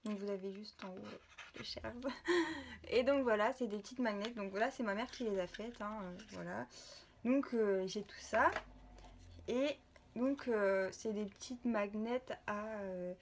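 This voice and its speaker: A young woman chatting to her camera in a relaxed vlog, sharing gift ideas. She talks informally and hesitates a lot, filling the gaps and circling back to restart her sentences. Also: mid-range voice, measured pace, slight background noise. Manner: hesitant, many filler sounds and restarts. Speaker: vlogger. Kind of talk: casual gift-idea vlog.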